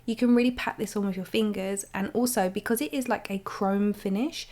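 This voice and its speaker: Female makeup tutorial host, mid-pitched, slightly croaky and under the weather, instructing step by step. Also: fairly even intonation, fairly quick, a little mellow.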